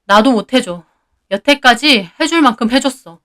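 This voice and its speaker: A woman voicing a young husband who is fed up and talks back loudly and bitterly. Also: fairly high pitch, brisk, natural voice. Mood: bitter shouting. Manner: loud, bitter, firm.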